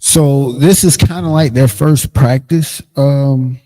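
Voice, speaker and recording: A man teaching a livestreamed language class, explaining in a casual, halting way with frequent pauses and ums. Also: medium pitch, fairly even intonation, warm tone. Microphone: streaming setup, screen sharing.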